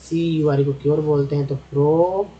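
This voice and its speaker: A man's voice: a little high, steady tone, quick pace, lo-fi sound, slight background noise. A man teaches English spelling and pronunciation from slides, drilling each sound several times and calling his viewers friends.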